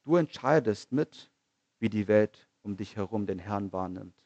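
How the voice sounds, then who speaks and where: A man preaching a sermon in an earnest manner, asking rhetorical questions, repeating phrases and slowing down on key lines. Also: lowish voice, animated, a little mellow, no room sound, muffled recording.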